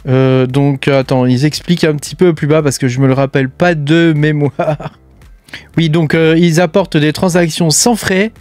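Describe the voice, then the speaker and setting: Casting note: a man hosting, fairly high voice, casual chatty roundup, dry close mic. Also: steady tone, normal speed, darkish tone, dry recording. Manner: chatty, frequent filler tags and hesitations. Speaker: crypto mining channel host.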